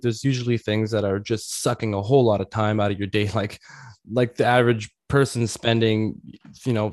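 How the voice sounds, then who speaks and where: A man's voice: medium pitch, darkish tone, no room sound. A man answering as an interview guest, explaining practical advice methodically, point by point, like a coach.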